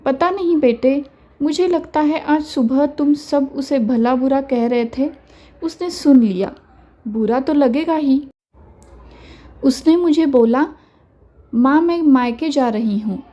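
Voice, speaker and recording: A woman voicing an older mother-in-law who speaks gently and firmly, giving measured advice in an audio story. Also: high-pitched. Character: older mother-in-law, calm, wise, quietly firm.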